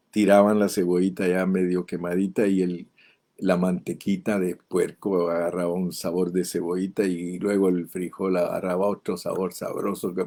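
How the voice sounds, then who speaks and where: A man's voice: fairly low pitch, mellow. A man in his seventies with a Guatemalan Spanish accent, preaching a sermon as a pastor, telling folksy stories and building to impassioned appeals. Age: 70s.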